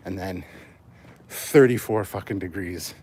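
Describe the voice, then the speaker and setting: A Canadian livestream host with a low, mellow voice and a measured pace chats casually with his viewers while walking outdoors, slightly winded. He rambles informally, swears, and reads out and responds to comments. The noisy outdoor recording picks up passing vehicles.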